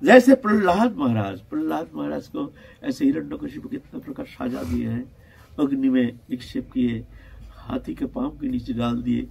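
A man, a spiritual teacher, giving an animated storytelling sermon in which he acts out the scenes. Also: mid-range voice, normal speed, gravelly, husky.

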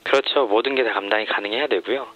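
Ein anonymer Mann, dessen Stimme elektronisch tief verfremdet ist. Er erklärt ruhig und sachlich, mit häufigem Zögern und Füllwörtern. Der Klang ist dumpf und gedämpft wie bei einer Radioübertragung. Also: male voice, lo-fi sound. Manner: measured, explanatory, frequent hesitations. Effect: voice disguised, pitch shifted deep. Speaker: former home shopping supplier, interviewee.

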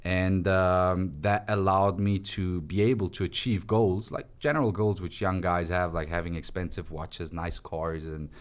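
A man's voice: sits low, unhurried, hardly any pauses, clean tone. A young man from Switzerland, telling his story casually as a guest in a small podcast studio. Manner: relaxed, chatty storytelling with gestures. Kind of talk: casual interview conversation. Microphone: studio mic on stand.

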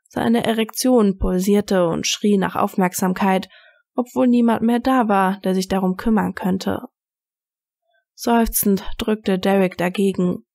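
A woman narrating a fan-written story as an audiobook, reading in an even, measured way. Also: medium pitch, gravelly, no echo, clean studio sound. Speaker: fanfiction reader.

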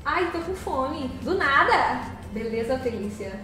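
A woman's voice: sits high, animated, slow, sharp tone, very echoey, faint music behind. A woman, live streaming as she drives a truck game, cheerfully greeting viewers by name and giggling.

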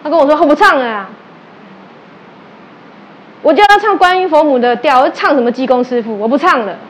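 A woman preaches briskly in a high voice, her Taiwanese Mandarin mixed with Taiwanese Hokkien. In this sermon the religious teacher tells animated stories, dramatizes dialogue and questions her listeners. It's a low-quality recording with slight background noise.

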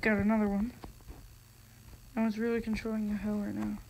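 A gaming video host comments on gameplay in a gravelly, mid-range voice, talking a little fast. He's casual and excitable, slangy and prone to frustrated outbursts. Noise and clicks are audible in the recording.

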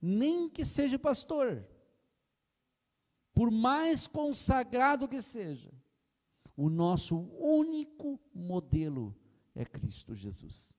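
A man's voice: extremely high pitch, big pitch swings, slow pace, long pauses, a little mellow. An older man with a Brazilian Portuguese accent preaching an impassioned sermon into a handheld mic on a church platform, often calling out to the congregation and retelling anecdotes. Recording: long hall reverb.

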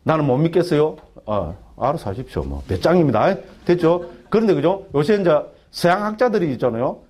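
A man, a Buddhist monk, giving a lively dharma lecture in a Gyeongsang dialect, often asking his listeners for agreement. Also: on the high side, a little fast. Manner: keeps asking the audience for agreement, animated and colloquial. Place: temple education hall.

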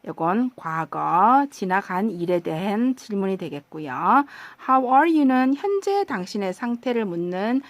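Slow, patient woman teaching English. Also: medium pitch, sing-song, no room sound. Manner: patient, repeats phrases slowly for practice. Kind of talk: slow English lesson with drilled phrases.

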